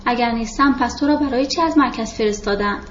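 Storybook rebel chief, a proud man, curt and defiant, read by a woman, fairly high voice. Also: slight background noise, lightly acted. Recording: roomy, dull lo-fi recording.

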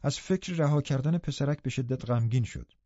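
A man's voice: medium pitch, dry recording. Man narrating a classic novel. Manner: steady storytelling. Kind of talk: audiobook narration. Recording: dull, dry studio recording.

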